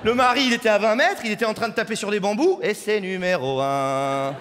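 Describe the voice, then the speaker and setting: A man's voice: very high-pitched, animated, very fast, a bit bright. A young man doing a rowdy, crude stand-up comedy set and bantering with the crowd in a large hall. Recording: live hall reverb with faint crowd ambience.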